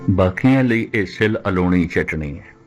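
Man, preacher, low voice, sermon with recited verses, faint background music. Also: lively intonation, muffled recording. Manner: slows down to recite scripture lines, rhetorical questions. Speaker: Sikh preacher giving katha.

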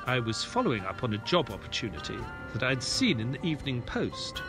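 An actor as Doctor Watson, animated storytelling gentleman. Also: medium pitch, a little fast, music in the background, lightly acted. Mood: reflective. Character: mild, earnest doctor narrating his detective tale. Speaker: narrator and character in an audio play. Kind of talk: dramatic first-person audio play narration.

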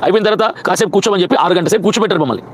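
A man, a pastor with a Telugu accent, rapidly recounting a personal incident in an agitated storytelling manner. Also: high voice, slight background noise.

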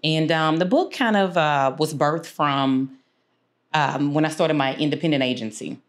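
Brief: low-pitched woman from Houston, interview guest, unhurried with many fillers. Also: a little hiss or hum. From Houston, Texas. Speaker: guest, insurance agency owner. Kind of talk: casual interview. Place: small studio room, seated.

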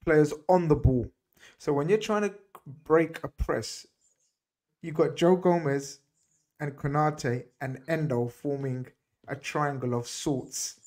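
A man's voice: on the high side, slow pace, a little mellow. A middle-aged man hosting a casual football chat over a video call, emphatic and repeating words for stress. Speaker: host. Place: home room, video call. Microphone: desk mic on video call.

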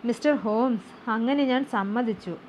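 A woman's voice: on the high side, a little slow, darkish tone, close to an everyday voice. A woman doing Wilson, an earnest pawnbroker. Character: earnest middle-aged male pawnbroker. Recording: slightly dull with faint hum.

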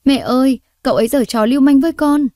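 A woman's voice: high-pitched, fast, warm tone, dry recording, clean studio sound, voice pushed up, close to an everyday voice. A woman doing a tiny sulky boy. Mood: wailing.

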